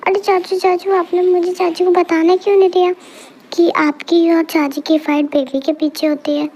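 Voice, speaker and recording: A woman's voice: very high voice, flat delivery, normal speed, dark tone. A woman voicing a playful, mischievous little boy in an amateur fan dub, pleading and chattering. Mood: excited.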